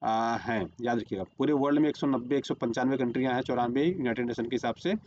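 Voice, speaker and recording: A man's voice: mid-range voice, fast, darkish tone, dull audio. Man drilling exam facts. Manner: repeats "remember" and "okay" drilling points; explains while marking a map on screen. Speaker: exam-prep teacher. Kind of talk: current-affairs lesson.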